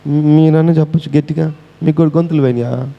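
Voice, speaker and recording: A man's voice: fairly high pitch, steady tone, fast talker, vocal fry, dull audio. A pastor preaching a sermon, firing questions at his congregation and scolding them in a mocking way. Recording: echoey hall reverb.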